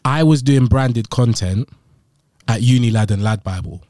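A man's voice: mid-range voice, normal speed, warm tone, no room sound, studio quality. A man in his late twenties with a London accent and roadman slang delivery, chatting casually as an interviewed video editor. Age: late 20s.

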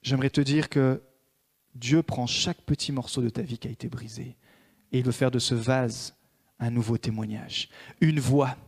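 A man preaching a sermon as a pastor, swinging between emphatic raised peaks and hushed prayerful passages. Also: medium pitch, steady tone, normal speed, husky.

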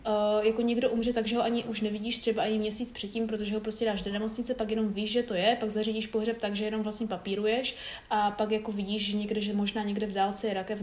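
Woman chatting, kinda high voice, lots of "like" fillers, echoey room. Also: a little mellow. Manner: thoughtful, musing, many fillers. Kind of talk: casual chat.

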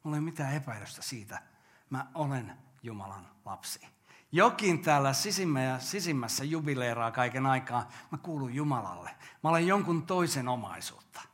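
A man's voice: mid-range voice, expressive, a bit bright. Older man preaching earnestly. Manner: earnest, with rhetorical questions. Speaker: pastor. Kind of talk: sermon.

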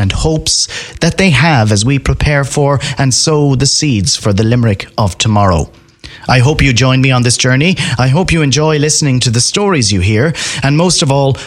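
Man hosting a studio podcast. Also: medium pitch. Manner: measured, scripted introduction then conversational questions. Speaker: podcast host. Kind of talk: podcast interview. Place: radio studio.

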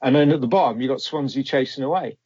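A man's voice: medium pitch, fast talker, warm tone, breathy edge, no room sound. A man giving casual football advice as a podcast panellist on an internet call. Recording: muffled internet call audio.

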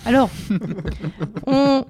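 A man's voice: sits high, animated, drawn-out words, darkish tone, a little hiss or hum. A young man delivering a comic opinion column on student radio, mock-boastful and self-mocking, with many hesitations, into a studio microphone. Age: young adult.

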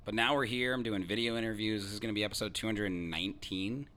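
Bright-voiced young podcast host. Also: male voice, fairly low pitch, fast, a little hiss or hum. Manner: loose, swearing, animated storytelling. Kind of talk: casual podcast chat.

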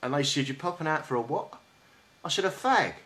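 This South London man from England hosts a radio show in a voice that's a little high, expressive, sharp-toned and fairly quick. The talk is a relaxed interview chat, hesitant with many restarts, recorded in a radio studio on a studio mic with big headphones.

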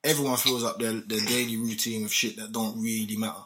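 Bright, punchy London roadman voice. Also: on the low side, level tone, fairly quick. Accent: London roadman, multicultural street English. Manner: repeats tag questions and checks he is understood. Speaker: podcast speaker. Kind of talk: casual debating chat in London street slang.

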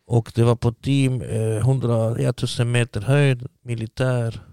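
Gravelly guy telling a long story on a podcast, dry close sound, acts out the dialogue. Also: medium pitch, no echo. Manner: animated storytelling, acting out what people said. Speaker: guest. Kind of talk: casual storytelling.

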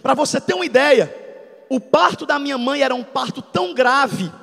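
A man in his thirties, a pastor, preaching a dramatic testimony sermon that swings from soft storytelling to shouts. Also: very high voice, lively intonation, moderate pace, gravelly, long reverb tail. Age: 30s. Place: church hall.

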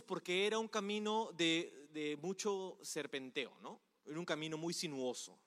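A man with a somewhat high voice preaches a sermon in a relaxed, conversational way. He keeps turning to his listeners with rhetorical questions. His voice rings out with a long reverb, as if in a large hall. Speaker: pastor.

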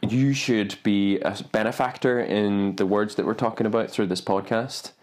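A man co-hosting a podcast, chatting casually and teasing his friend with playful, drawn-out remarks. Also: fairly low pitch, steady tone. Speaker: podcast co-host. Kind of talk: casual banter.

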